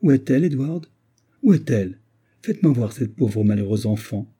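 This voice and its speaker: A man voicing an older, fussy, motherly gentlewoman who talks in an effusive, doting way. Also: mid-range voice, moderate pace, slightly rough, close to an everyday voice. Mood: anxious.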